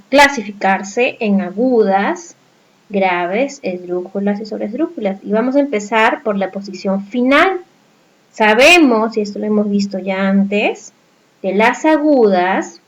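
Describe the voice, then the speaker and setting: Woman, teacher, slow explanatory lesson, fairly high voice, patient, rhetorical questions. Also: poor audio.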